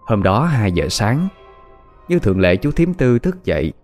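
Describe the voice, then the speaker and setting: A man with a Southern Vietnamese accent narrating a ghost story in a calm, measured way. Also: lowish voice, soft background music.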